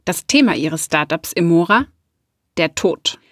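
A woman's voice: fairly low pitch, animated, a little slow, dry recording, clean studio sound. A woman in her thirties hosting a podcast, introducing the show and asking questions in a friendly, conversational way. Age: 30s. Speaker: podcast host. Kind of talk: podcast interview.

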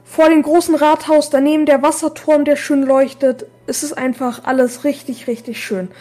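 A woman's voice: sits high, flat delivery, normal speed, mellow. A woman hosting a school podcast, presenting in an enthusiastic, upbeat way. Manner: enthusiastic, recommending to listeners. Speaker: school podcast host and reporter.

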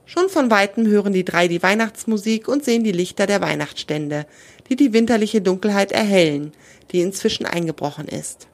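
Calm woman reading a children's story. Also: medium pitch, fairly quick. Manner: calm, explaining asides to children.

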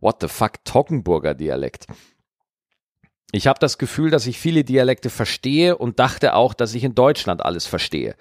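A man in casual podcast banter, playful and teasing, who reacts with big exaggerated outbursts. His pitch leaps around a lot as he talks. The sound is close and dry, with no room to it. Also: big pitch swings, normal speed, no echo. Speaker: podcast co-host. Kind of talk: casual chat, reading out a listener mail.

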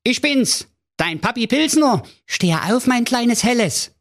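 A squeaky king, all in a fluster. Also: very animated, takes it slowly, fairly bright tone, full character voice. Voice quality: squeaky, high falsetto. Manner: flustered, whiny, exclaiming. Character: hungover blustering old king, father. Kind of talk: comic audio fairy tale.

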